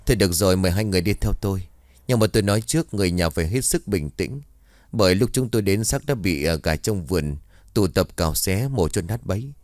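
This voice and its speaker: A man's voice: low voice, fast talker, a little mellow, no echo, studio quality, natural voice. A man doing a grave village police officer. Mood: grave, official. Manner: formal, matter-of-fact reporting. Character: stern male village police officer, middle-aged.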